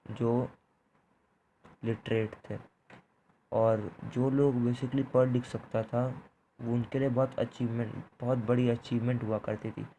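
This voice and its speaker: Male tutor, flat, mellow delivery, repeats each point, faint background hum. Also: mid-range voice, low-quality recording. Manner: repeats points, ends phrases with "theek hai". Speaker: teacher. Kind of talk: explaining a history lesson.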